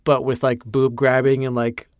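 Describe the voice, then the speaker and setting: A man's voice: medium pitch, completely flat delivery, normal speed, no room sound, studio quality. A man co-hosting a podcast with casual, rambling, joking banter. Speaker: podcast co-host.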